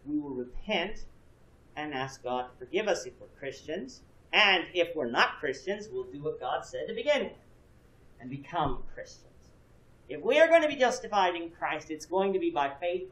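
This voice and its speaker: A man in his thirties teaching a church Bible class, explaining earnestly and putting questions to his students. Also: high-pitched. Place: church classroom with a projection screen. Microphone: far camera, no visible mic. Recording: echoey room from a distance.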